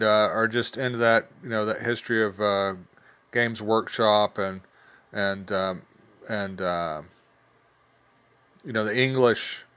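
A man hosting a casual solo podcast, sounding weary and worn down, talking in an informal, halting, rambling way. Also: mid-range voice, a bit bright, clear, resonant tone. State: weary, worn down from a sore back. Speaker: podcast host.

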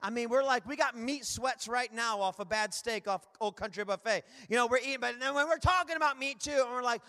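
A man preaching a lively church sermon, rambling and energetic, calling out to the congregation. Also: very high-pitched, a little fast. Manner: energetic, rambling, calls out to the crowd. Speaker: guest preacher. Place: church hall. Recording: long hall reverb.

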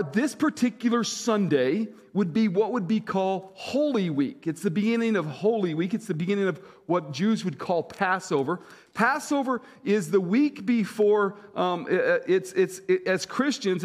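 Male senior pastor, high pitch, conversational sermon delivery, long reverb tail. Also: lively intonation, normal speed. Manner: conversational storytelling, repeats phrases for emphasis.

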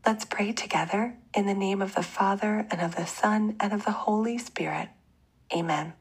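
A woman leading a guided bedtime prayer in a soft, hushed, breathy voice, with a gentle and measured delivery. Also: medium pitch, rough recording.

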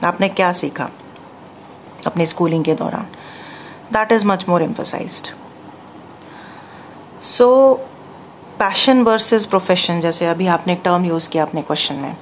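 A woman with an Indian accent, an English language trainer answering interview questions in a measured, explanatory way. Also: lowish voice, a little hiss or hum.

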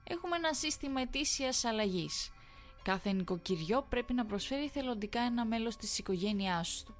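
A woman's voice: on the high side, animated, soft background music, voice pushed up, lightly acted. A woman voicing a sinister, sweetly menacing village woman who keeps insisting.

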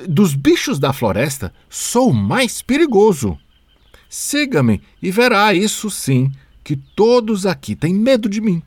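A man's voice: high voice, sing-song, slow, breathy edge, dry recording, soft background music, voice pushed up, exaggerated voice. A man reading a storybook aloud and voicing a small, clever, boastful male mouse in a perky, raised voice. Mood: cocky.

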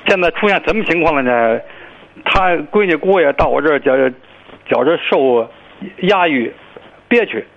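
A man in his sixties with a Tianjin accent, calling a radio show and halting, stammering through a family complaint. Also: fairly high pitch, animated, creaky. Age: 60s. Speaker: caller. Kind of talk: phone-in call. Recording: dull lo-fi call line.

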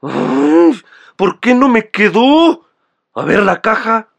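A man's voice: high voice, huge pitch swings, takes it slowly, gravelly. A man muttering frustrated to himself in a comedy sketch. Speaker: dad in a sketch.

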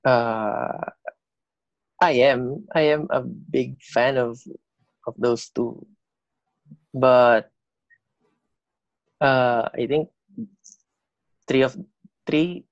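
A man with a slight lisp, a band vocalist chatting as a podcast guest, talking haltingly with many fillers and restarts. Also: mid-range voice, no room sound, muffled recording. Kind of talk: casual interview chat.

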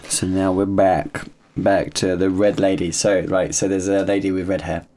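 Deep-voiced giggly man chatting. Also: little pitch movement, moderate pace, warm tone, a little hiss or hum. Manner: giggly, acts out people in the clips. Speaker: podcast co-host, magician. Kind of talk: casual chat reacting to magic videos.

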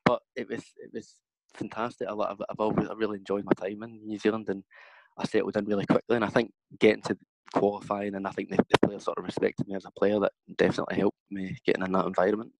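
A man's voice: on the low side, little pitch movement, fast talker, vocal fry, slight background noise, low-quality recording. A man in his thirties with a broad Scottish accent, chatting casually as a former footballer being interviewed about his career. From Scotland.

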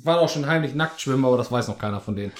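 A man's voice: medium pitch, animated, rapid-fire, a loud crowd. A man hosting a podcast in a casual chat, joking, teasing and rambling. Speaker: podcast host.

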